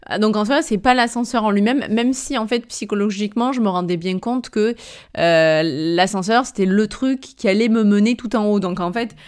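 A podcast host and entrepreneur from Avignon, with a southern French accent, tells a personal story in a casual monologue. She speaks at normal speed with a medium-pitched, clean voice. She chats and rambles, full of hesitations, self-corrections and short laughs, and talks to the listener in a familiar way.

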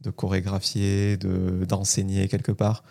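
Man, interviewer, fairly low voice, mellow tone, measured questions. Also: monotone. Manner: measured, summarizing before asking. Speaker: interviewer, host.

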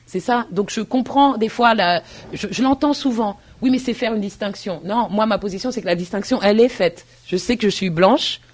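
This university lecturer has a medium-pitched voice and talks at a normal speed. Earnest in her interview answers, she works through ideas out loud with hesitations and restarts, often making sure her listener keeps up.

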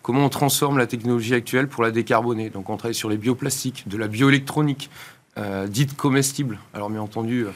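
A man giving explanatory answers as an interview guest, measured and articulate, pausing between phrases. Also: mid-range voice. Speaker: institute director and founder, interview guest.

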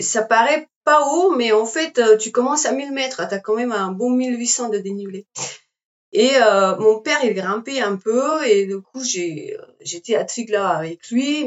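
A Slovenian woman in her forties with a Slovenian accent, chatting in a halting way with many fillers as an interview guest. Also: medium pitch, highs cut off. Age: 40s. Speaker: guest, climber. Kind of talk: casual interview chat.

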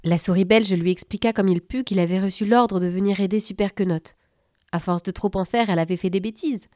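A woman narrating a children's story in a lively, playful storybook manner. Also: medium pitch, fairly quick, no room sound.

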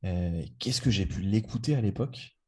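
A man's voice: on the low side, lively intonation, moderate pace, breathy edge. A man co-hosting a casual music podcast, enthusiastic and rambling with frequent restarts. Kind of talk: casual chat.

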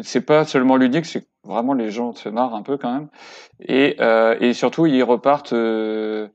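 A man's voice: medium pitch, gravelly, darkish tone, lo-fi sound. A man speaking as a guest on a casual podcast interview, hesitant with many fillers and restarts but enthusiastic. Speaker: podcast guest, workshop co-creator.

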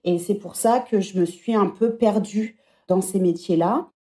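This former teacher in her thirties talks at a measured pace in a mellow, medium-pitched voice. As a podcast guest in a conversational interview, she muses reflectively, thinking aloud.

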